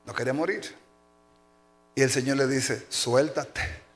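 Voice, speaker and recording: A man preaching a sermon as pastor, telling stories with acted-out cries and shouts. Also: medium pitch, measured pace. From Dominican Republic. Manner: animated storytelling, acting out shouts and cries. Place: church sanctuary. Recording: long hall reverb.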